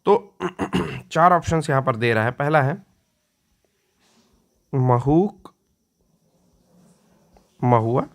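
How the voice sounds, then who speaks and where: A male teacher giving an exam-prep lecture. He explains patiently, repeats key words slowly and often clears his throat. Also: medium pitch, expressive.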